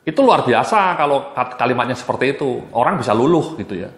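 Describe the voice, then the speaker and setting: A man's voice: mid-range voice, animated, fast, fairly bright tone, roomy sound. A man giving a customer service training lecture, talking straight to his listeners, stressing points and repeating words for emphasis.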